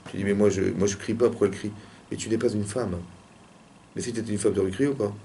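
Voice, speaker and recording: A man, a rabbi, teaching a lively religious lesson in a classroom and pressing his students with repeated questions. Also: on the low side, fast, vocal fry, slight background noise.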